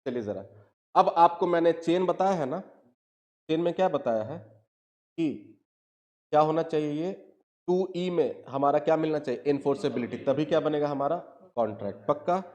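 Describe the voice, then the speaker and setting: A man teaching a law class, often asking his students whether they follow. He reads legal definitions out slowly, word by word. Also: a little high, darkish tone, muffled recording. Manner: asks students constant check questions; acts out both lawyers arguing in court.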